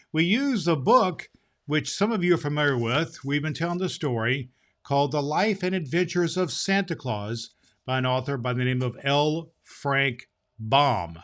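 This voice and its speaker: A man playing a kindly old Santa Claus, hosting a children's story show in a halting, explanatory way. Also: fairly high pitch, a bit bright.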